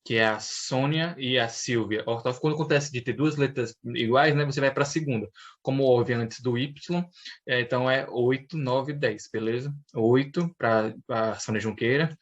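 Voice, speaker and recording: A man walks students through answers in a casual recorded lesson. His voice sits in an ordinary middle pitch, and he talks loosely, padding sentences with fillers and frequent tag questions. The recording is somewhat dull and lo-fi. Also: normal speed. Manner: relaxed, filler-heavy, constant tag questions checking in. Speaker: teacher.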